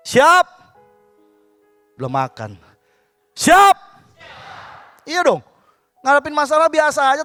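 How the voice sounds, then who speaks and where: A man preaching a sermon as a pastor, lively and joking, with sudden loud bursts. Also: high voice. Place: church service.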